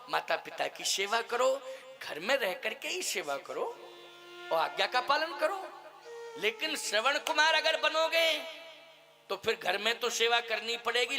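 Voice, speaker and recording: High-voiced male preacher, animated. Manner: animated, laughing often, asks the audience questions. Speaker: religious preacher. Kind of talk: devotional sermon with storytelling. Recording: music playing behind.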